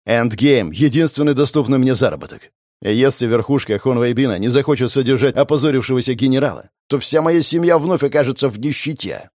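A man's voice: medium pitch, brisk, a little mellow, dry recording, natural voice. Guy doing a desperate general dad, shaky pleading voice, dry sound. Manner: trembling, pleading. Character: desperate male guild general, pleading father.

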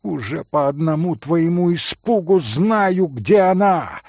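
A man reading an audiobook, voicing a desperate, hot-tempered young man who shouts and pleads urgently. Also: a little high, expressive, takes it slowly, no room sound, studio quality, voice pushed up, exaggerated voice. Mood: furious.

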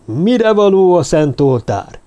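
A man's voice: high voice, sing-song, mellow, muffled recording, pitched above the performer's own voice. A man reading an audiobook, voicing a fanatical male druid mage who leads a bloody rite with screeching, commanding calls. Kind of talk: audiobook character voice.

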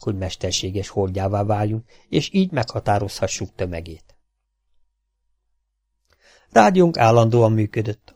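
Low-voiced Hungarian male audiobook narrator. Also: warm tone, no echo. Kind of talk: scripted narration.

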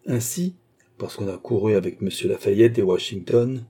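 A man's voice: on the low side, sing-song, moderate pace, warm tone, husky, heavily acted. A man reading an audiobook, voicing a haughty, angry young queen with an indignant, commanding manner.

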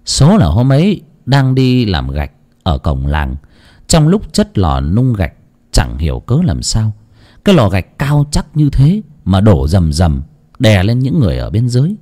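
A man tells a grim horror story with a dark, mellow tone. His delivery is lively and dramatic, sinking to hushed lows and lifting for emphasis. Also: measured pace. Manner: expressive, swings between hushed low and raised tones.

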